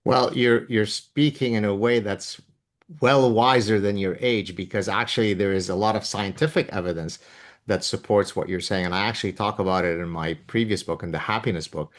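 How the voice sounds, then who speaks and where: A man's voice: on the low side, moderate pace. A man with a Lebanese, Levantine Arabic accent hosting a conversational interview in an explanatory, professorial manner. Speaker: podcast host and author.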